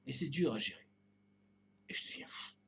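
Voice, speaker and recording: A man's voice: mid-range voice, expressive, normal speed, a bit bright. Rambling man who drifts into whispers. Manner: drifting, repeats "tu vois", often drops to a whisper. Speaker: video blogger. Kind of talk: rambling spiritual monologue.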